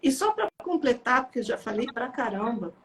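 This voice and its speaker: A woman, an author telling lively anecdotes about her book and laughing as she goes. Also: a little high, fairly quick. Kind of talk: casual storytelling talk.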